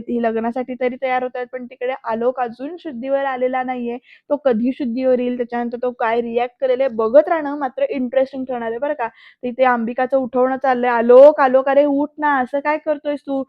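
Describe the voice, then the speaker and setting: High-voiced woman retelling an episode. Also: no room sound, highs cut off. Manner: chatty, addresses viewers directly. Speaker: serial episode reviewer.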